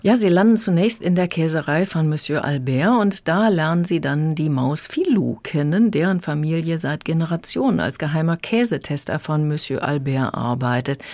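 Brief: female book reviewer, deep voice, calm and measured. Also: no room sound.

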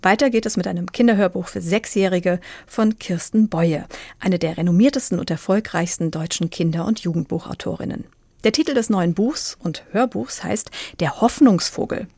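A woman presents a radio book show, announcing releases and questioning a critic. Her delivery is clear. The studio sound is dry. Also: lowish voice, moderate pace, darkish tone, dry recording. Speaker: radio host.

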